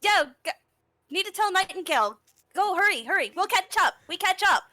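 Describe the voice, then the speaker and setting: A woman's voice: extremely high pitch, animated, fairly quick, pushed and bright, no room sound, heavily acted. A woman voicing a terse adventurer who speaks in short, clipped, urgent phrases in a tabletop game.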